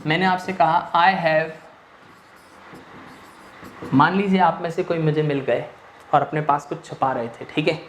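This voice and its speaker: A man's voice: a little high, steady tone, unhurried, long pauses, a bit bright. Man teaching grammar in an echoey room. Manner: asks rhetorical questions and answers them himself; switches between Hindi and English mid-sentence. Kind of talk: Hindi-English grammar lecture. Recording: echoey room with faint noise.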